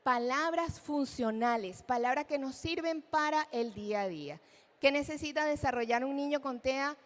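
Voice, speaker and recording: A woman giving a lecture at a live event, animated, asking the audience questions and acting out examples. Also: moderate pace. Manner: acts out children's speech in a high voice. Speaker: speech therapist giving a talk. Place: event hall.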